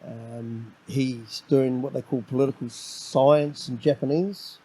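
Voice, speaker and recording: Slow-paced and husky, this middle-aged New Zealand man has a mid-range voice and a steady tone. As a casual podcast guest he's loud and domineering, rambling and repeating words as his sentences start, captured on a low-quality recording.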